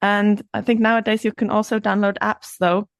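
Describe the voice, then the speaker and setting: A young woman from Switzerland, a guest on a podcast, explaining things in a friendly, relaxed way. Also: mid-range voice, moderate pace, creaky, dry recording. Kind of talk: casual interview chat.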